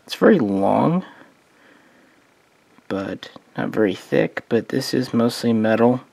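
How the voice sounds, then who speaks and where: A man giving a relaxed, meandering spoken overview of his collection of model starships, thinking aloud as he goes. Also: mid-range voice, takes it slowly, vocal fry, no echo. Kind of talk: casual hobby overview.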